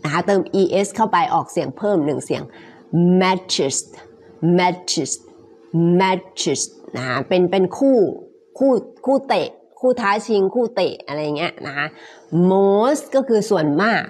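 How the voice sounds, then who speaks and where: A woman teaching English pronunciation, repeating phrases word by word and then explaining them quickly, with frequent polite particles. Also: mid-range voice, very animated, a little mellow, slightly rough. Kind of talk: live-streamed pronunciation lesson.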